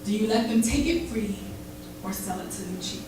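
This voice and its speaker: At a live event in a barbershop, a woman performs spoken word poetry with a rhythmic, dramatic delivery that rises and falls. Her expressive voice is on the high side at normal speed, captured from far off in an echoey room with heavy background noise.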